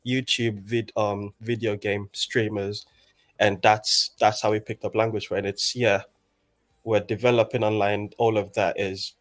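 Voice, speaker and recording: A young man in his twenties, from Nigeria, speaking in a fairly low voice. He talks casually and haltingly, restarting phrases as he works out his thoughts in a group conversation. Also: level tone. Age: 20s. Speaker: guest in a group chat. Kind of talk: casual chat.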